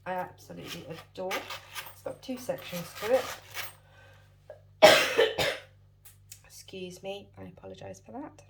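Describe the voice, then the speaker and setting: A budgeting channel host from the United Kingdom speaks with a British accent in a medium-pitched voice that is creaky and a bit bright. Getting over a chest infection, she sounds wheezy and short of breath, chatting in a casual, apologetic way with lots of ums, over slight background noise.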